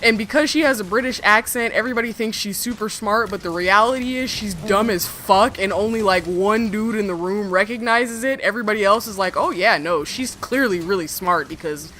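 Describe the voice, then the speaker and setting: A woman co-hosting a casual livestream chat, ranting in a profane, animated way. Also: mid-range voice, a little fast, few pauses, slight background noise. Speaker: streamer co-host.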